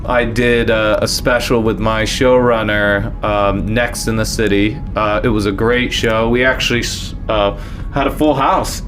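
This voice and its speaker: A man hosting a casual comedy podcast, asking quick questions and chatting about his gigs. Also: lowish voice, steady tone. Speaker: podcast host. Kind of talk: casual chat.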